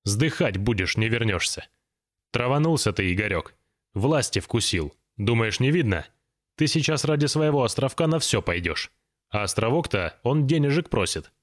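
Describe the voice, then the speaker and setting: A man voicing a gruff, irritable businessman boss who talks bluntly and coarsely in an audiobook reading. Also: mid-range voice, animated, normal speed, natural voice. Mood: scolding.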